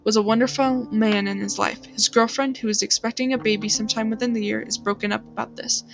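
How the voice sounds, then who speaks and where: A woman narrating a horror story aloud in a steady, solemn reading voice. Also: on the high side, fast, gravelly, faint music behind.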